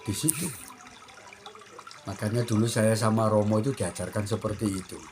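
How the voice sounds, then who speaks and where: A man's voice: fairly low pitch, normal speed, a little mellow, slight background noise. A middle-aged man with an East Javanese accent gives a spiritual advice talk as a teacher, repeating his points and admonishing the listener directly. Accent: East Javanese Indonesian. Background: music.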